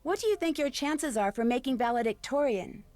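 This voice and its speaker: A woman's voice: high voice, animated, brisk, a little mellow, faint music behind. A woman playing a polite, inquisitive teenage schoolgirl in a video game, asking courteous questions. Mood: polite, curious.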